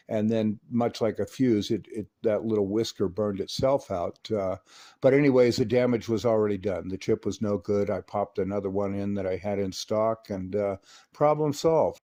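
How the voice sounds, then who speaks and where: An American man, a radio repair technician and video host, narrates a repair walkthrough in a casual, folksy, rambling way. His voice is lowish and warm.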